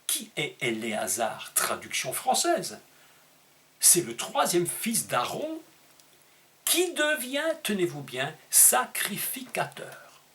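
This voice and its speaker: A man preaching a sermon, emphatic and teaching, asking rhetorical questions and leaping up in pitch on key words. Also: huge pitch swings, sharp tone. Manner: emphatic teaching tone with dramatic pitch leaps and slowed stressed words.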